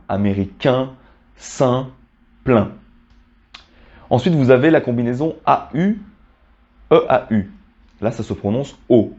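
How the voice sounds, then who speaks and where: Calm man teaching pronunciation, dull audio. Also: mid-range voice. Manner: calm, methodical, slowing down on example words. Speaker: French teacher. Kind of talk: explaining pronunciation to learners.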